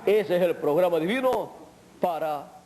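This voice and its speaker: A man delivering a measured sermon, with deliberate, drawn-out phrasing and long pauses. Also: sits high, lively intonation, darkish tone. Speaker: preacher. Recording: old sermon recording.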